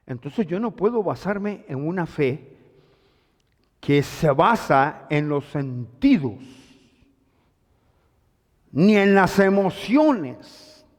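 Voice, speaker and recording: A male pastor giving an animated sermon, often calling out questions to his congregation. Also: fairly high pitch, very slow, long pauses, long reverb tail. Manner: animated preaching, calls to the congregation.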